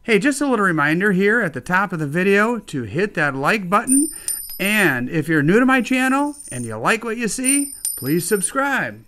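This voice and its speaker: A man from northwest Indiana hosts his video channel in a cheerful, chatty way, dropping in the odd "uh". His voice sits a little high for a man and comes through smooth and clear. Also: very animated, moderate pace, bright, forceful tone. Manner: upbeat, friendly, with frequent "uh" fillers. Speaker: channel host. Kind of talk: casual video narration.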